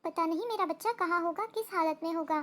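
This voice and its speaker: A woman's voice: extremely high pitch, quick pace, a bit bright. A woman voicing an anxious mother sparrow in a cartoon story. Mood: worried. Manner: anxious, fretful. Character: worried mother sparrow searching for her chick.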